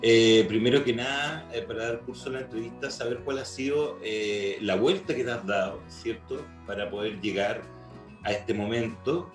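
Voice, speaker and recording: This Chilean-accented man hosts an interview at medium pitch and normal speed, semi-formal yet a bit hesitant, frequently tacking on tag questions. Music plays behind him in an echoey room.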